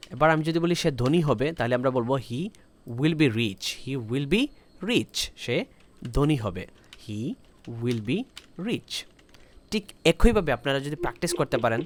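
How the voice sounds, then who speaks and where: A man teaching a spoken English lesson, explaining slowly and repeating each example sentence in both languages. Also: medium pitch.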